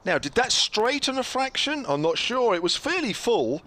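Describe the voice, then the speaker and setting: A man calling cricket ball by ball in an expressive, exclamatory way, sometimes drawing out his phrases. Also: very high voice, moderate pace. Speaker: cricket commentator. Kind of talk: live ball-by-ball commentary.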